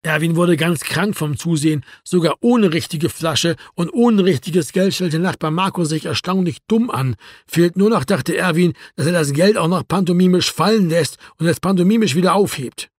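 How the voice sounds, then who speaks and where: A man narrating a novel in a wry, even storytelling manner. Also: on the high side, no echo, clean studio sound. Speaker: audiobook narrator. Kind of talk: scripted narration.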